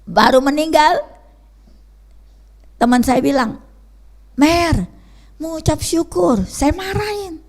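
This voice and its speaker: An older woman preaches a personal testimony to her congregation. Her voice sits high. She tells her stories in an animated way and keeps checking in with rhetorical questions. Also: takes it slowly, pauses often. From Pangkal Pinang, Bangka, Indonesia. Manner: lively storytelling with frequent rhetorical "ya kan?". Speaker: preacher, evangelist. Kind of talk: testimony sermon.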